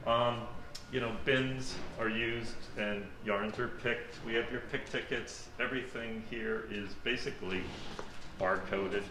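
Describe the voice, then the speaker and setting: A man's voice: mid-range voice, fairly even intonation, unhurried. A middle-aged man giving an informal guided tour of a warehouse, speaking through a face mask. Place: large indoor warehouse. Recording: noisy warehouse ambience.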